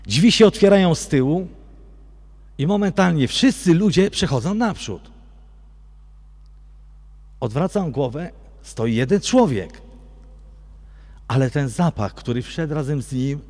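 Guy telling his faith story in a big church, kinda high voice, echo rolling off the walls, keeps asking the crowd stuff. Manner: addresses listeners directly, often asking "wiecie co?"; storytelling, soft and low on reflective parts. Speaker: guest giving a religious testimony. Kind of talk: testimony talk to a church audience. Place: large basilica church. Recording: long church hall reverb.

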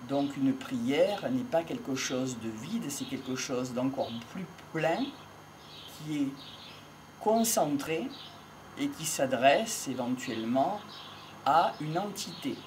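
An older man reflects aloud in a slow, measured way, pausing between phrases. He speaks into a handheld mic while seated in an open country field. Faint birdsong and outdoor air sit softly behind his voice. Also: mid-range voice, lively intonation, slight background noise. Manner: measured, pausing often, philosophical. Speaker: speaker on voice and communication. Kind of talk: slow reflective monologue to camera. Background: faint outdoor ambience with birds.

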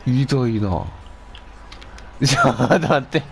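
A man playing a fighting game, bantering excitedly with playful, mock-dramatic exclamations. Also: mid-range voice, takes it slowly, gravelly, slight background noise. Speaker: video game player.

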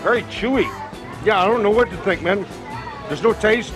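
On a busy street with music in the background, a man in his forties hosts a casual food challenge vlog in a high-pitched voice at normal speed. He sounds exclamatory and a bit hesitant, and the audio from his clip-on lapel mic is poor.

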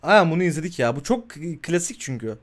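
A male streamer reacting live to short horror films, with a voice on the higher side. He urges the characters on, swears freely and breaks into shrieks and laughter at the scares. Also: very animated, a little fast, noisy background. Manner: talks back to the screen, swears, shrieks when startled.

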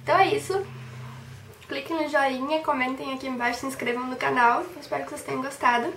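High-voiced young Brazilian woman vlogging. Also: fairly even intonation, fast talker, fairly bright tone. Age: young adult. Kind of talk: casual chat to camera. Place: small bedroom, indoors. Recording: roomy, distant mic, background noise.

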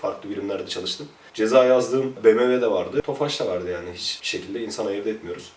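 A man, a former police officer, telling casual stories about his time on duty in a lively, chatty way. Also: lowish voice, brisk, roomy sound, far from the mic. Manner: lively, chatty, jumps between anecdotes. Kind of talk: casual anecdotal storytelling.

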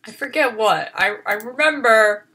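A woman giving casual game commentary, swinging from panicked shrieks and swearing to low muttering. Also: moderate pace, pushed and bright, breathy edge. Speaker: gaming video host.

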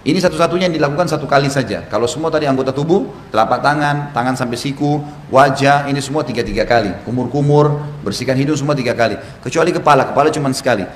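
A male Islamic preacher giving a lecture, explaining and demonstrating each step with gestures and counting slowly. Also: mid-range voice. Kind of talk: religious lecture demonstrating steps. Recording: echoey room with faint noise.

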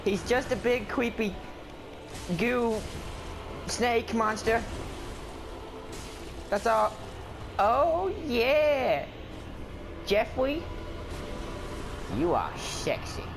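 A man's voice: extremely high pitch, lively intonation, very slow, vocal fry, pauses often, background noise, exaggerated voice. Guy doing a jittery little dude from a game, whiny, stammers a lot, voice jumps all over. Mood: rambling. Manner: rambling, stammering, yelping in alarm. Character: skittish, whiny little male adventurer, easily startled. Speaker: gameplay commentator. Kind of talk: in-character let's play commentary.

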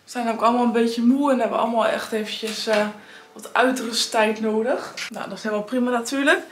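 Talking a little fast in a slightly high, steady voice, a late-teen family vlogger chats with upbeat enthusiasm to a phone camera she holds in her hand. It's casual talk to camera, with a little hiss or hum in the recording.

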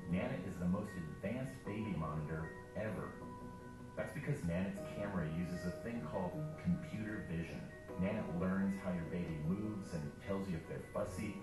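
Low-voiced playful promo voice-over; distant room playback, loud background music. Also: male voice. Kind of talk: scripted promo narration. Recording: video played in a room, echoey and distant with music.

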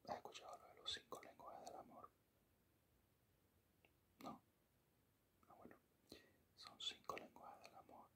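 A man in a whispered role-play as an affectionate boyfriend, speaking tenderly and intimately in a soft, breathy whisper close to the microphone. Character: affectionate, doting boyfriend murmuring sweet praise. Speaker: ASMR performer playing a boyfriend. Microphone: close-up microphone, at the ear.

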